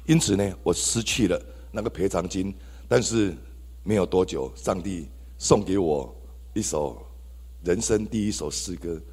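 A man with a Taiwanese Mandarin accent tells his testimony to a congregation, his low, husky voice leaping up and down with exclamations. The sound rings with the long reverb of a church hall. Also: measured pace. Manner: animated, exclamatory, addresses the congregation. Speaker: church member giving testimony. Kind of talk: testimony sermon.

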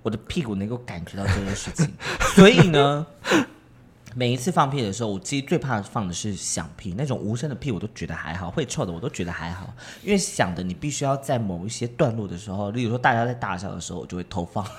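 A man's voice: lowish voice, expressive, quick pace. A man chatting casually in a playful way and laughing often. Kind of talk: casual chat.

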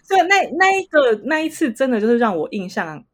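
Lively Taiwanese woman telling stories. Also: a little high, quick pace. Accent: Taiwanese Mandarin. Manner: animated, laughs often while telling stories. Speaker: podcast co-host. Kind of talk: casual storytelling chat.

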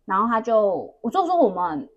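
A woman's voice: medium pitch, sing-song, moderate pace, dull audio. A young woman with a Taiwanese Mandarin accent, chatting casually on a podcast and telling a long story full of restarts. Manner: rambling storyteller with many restarts. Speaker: podcast co-host.

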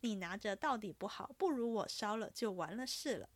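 A woman's voice: mid-range voice, expressive, moderate pace, dry recording, close to an everyday voice. Woman doing a wheedling young nobleman. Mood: pleading. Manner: coaxing, wheedling, then blustering.

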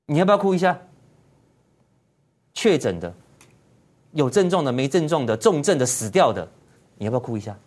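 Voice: mid-range voice, sing-song, fairly quick, long pauses, a little mellow. A political commentary host, ranting indignantly in heated commentary and firing off repeated rhetorical questions.

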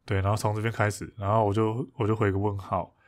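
A man's voice: lowish voice, little pitch movement, fast, darkish tone. A man co-hosting a podcast, casually retelling an argument with frequent laughs and restarts. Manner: laughs often, retells a fight with many restarts. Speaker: podcast co-host. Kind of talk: casual chat.

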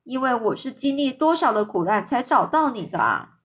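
A woman's voice: on the high side, very animated, normal speed. A woman voicing a pleading old beggar mother. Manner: pleading, tearful.

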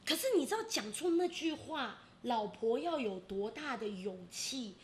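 A middle-aged woman with a Taiwanese Mandarin accent, co-hosting a podcast and telling a family story in an animated way, often acting out her relatives' voices. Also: fairly high pitch, a little slow, slight background noise. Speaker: podcast co-host.

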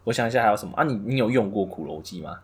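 A man's voice: on the low side, lively intonation, racing, husky. A man, co-hosting a casual podcast chat in a laid-back, dry way. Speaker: podcast co-host.

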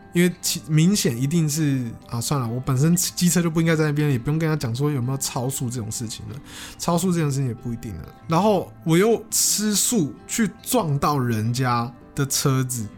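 A man's voice: on the high side, a little mellow. A young man tells a personal story in an earnest, stammering way, often repeating words. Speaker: vlogger.

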